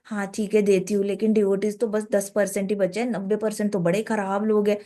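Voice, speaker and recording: A woman's voice: medium pitch, level tone, fairly quick, warm tone, pitched below the performer's own voice, lightly acted. A woman voicing Mother Earth as a goddess who pleads and complains while she tells a devotional story. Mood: resentful. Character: frightened then resentful mother earth goddess.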